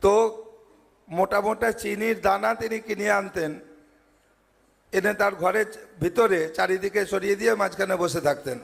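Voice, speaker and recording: High, gravelly-voiced man preaching in a hall. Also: a little slow, long pauses. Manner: earnest, builds points through repeated parallel phrases. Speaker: monk giving a speech at a devotee gathering. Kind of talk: devotional sermon. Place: large ashram assembly hall. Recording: long hall reverb.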